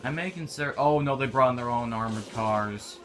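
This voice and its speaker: A man's voice: medium pitch, a little fast, fairly bright tone. A young man giving casual, offhand commentary while playing a war video game. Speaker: gameplay commentator. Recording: noisy game audio behind.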